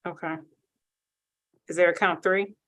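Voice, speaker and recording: A woman judge, heard on a courtroom recording, running a hearing in a brisk, formal way and reading procedure by rote. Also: fairly low pitch, steady tone, fairly bright tone.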